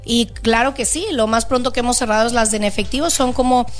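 Woman host from Jalisco, high voice, upbeat real estate sales pitch over faint music. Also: fairly even intonation. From Jalisco, Mexico. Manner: upbeat sales pitch, repeats phone number slowly. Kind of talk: radio talk show.

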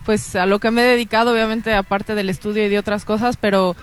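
A woman from Mexico City with a Mexican accent, answering interview questions in a relaxed way with many fillers. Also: mid-range voice, quick pace, clear, resonant tone. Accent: Mexican Spanish. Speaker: guest, baseball scout.

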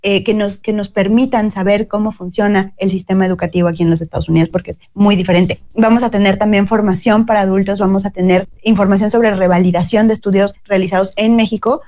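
A woman's voice: mid-range voice, steady tone, quick pace, few pauses, warm tone. A Mexican woman with a Mexican Spanish accent, a consul explaining services as an interview guest.

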